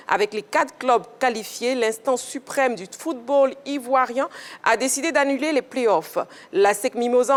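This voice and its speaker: A woman host delivers the sports headlines in a clear, measured newsreader voice. Her pitch sits somewhat high. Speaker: show host. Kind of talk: news reading and studio hosting.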